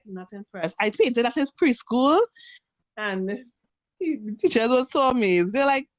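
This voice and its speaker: A woman's voice: fairly high pitch, measured pace, rough recording. A woman in her thirties with a Trinidadian accent, a painter chatting casually on a video call and acting out little quotes as she tells stories. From Trinidad and Tobago. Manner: animated storytelling, acts out quotes. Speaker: guest face and body painter. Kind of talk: casual interview chat over video call.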